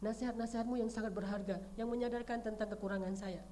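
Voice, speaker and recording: A woman voicing a humble, gentle noble man who speaks calmly in a sermon story. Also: fairly high pitch, quick pace, a little hiss or hum, close to an everyday voice.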